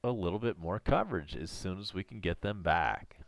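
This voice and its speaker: Low, lively man calling a match. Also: fairly quick, gravelly, dry recording. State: losing his voice. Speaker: live reaction host. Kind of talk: live game commentary.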